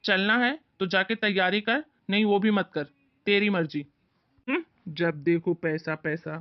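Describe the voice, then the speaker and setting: A woman's voice: mid-range voice, measured pace, close to an everyday voice. A woman doing a curt stubborn young husband. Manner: gruff, dismissive. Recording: dull lo-fi sound.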